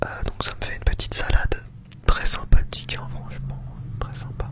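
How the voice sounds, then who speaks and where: A man whispering very close, right in the ear, as he narrates a food ASMR video, often repeating words and phrases for emphasis. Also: normal speed.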